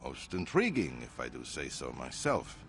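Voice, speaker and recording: Smug crime boss, really deep, swoopy grand way of talking. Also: male voice, huge pitch swings, moderate pace, a bit bright, soft background music, heavily acted. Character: smooth, self-satisfied male crime boss.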